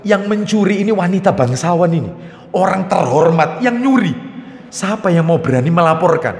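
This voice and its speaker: Animated high-voiced man preaching in echoey hall. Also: moderate pace. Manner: animated, acts out parents and children in quoted voices. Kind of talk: religious study lecture. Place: mosque hall.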